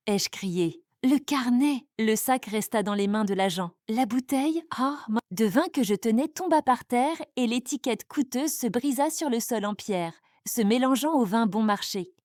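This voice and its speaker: A woman's voice: a little high, darkish tone, dry recording, clean studio sound. A woman narrating a dramatic first-person story in a suspenseful storytelling manner.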